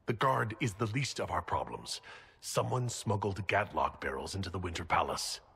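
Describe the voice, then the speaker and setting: A man's voice: deep voice, animated, normal speed, vocal fry, husky, heavily acted. A man playing a serious, resolute leader of an inquisition in a video game, speaking earnestly and inquiringly. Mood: concerned. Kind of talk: cinematic video game dialogue. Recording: loud ambient noise behind voice.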